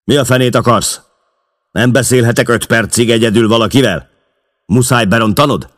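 Gruff middle-aged gang boss, blustering, commanding, husky low voice, read by a man. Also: lively intonation, exaggerated voice. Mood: angry.

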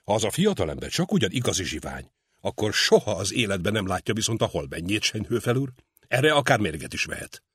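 Male reader doing a gruff, insistent old butcher, husky and dry. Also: fairly low pitch, sing-song, a bit bright, no echo, full character voice. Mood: stubborn. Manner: muttering, insistent. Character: grieving older male butcher, stubborn and gruff. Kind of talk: audiobook character reading.

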